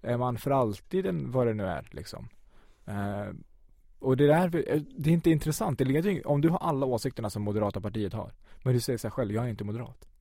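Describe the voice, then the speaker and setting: A man's voice: mid-range voice, animated, vocal fry, mellow, dry recording, studio quality. A man in a casual debate, arguing earnestly and growing more intense as he presses his point. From grew up in Sweden. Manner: earnest, argues with rising intensity.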